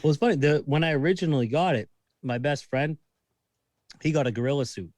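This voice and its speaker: Lively Boston man telling stories. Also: on the high side, fast, dry recording. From Massachusetts. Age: 30s. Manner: lively storyteller, swears casually. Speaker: guest. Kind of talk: casual chat.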